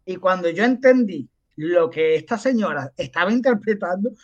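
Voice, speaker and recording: A man's voice: high voice, expressive, moderate pace, highs cut off. A man with an Andalusian Spanish accent, a podcast guest telling anecdotes in casual chat and acting out the voices of the people he quotes. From Andalusia, Spain.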